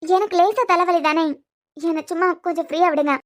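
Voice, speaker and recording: A woman voicing a heartbroken young wife in a cartoon, speaking in a quiet, wounded way. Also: very high-pitched, fairly quick. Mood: hurt. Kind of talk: cartoon voice acting.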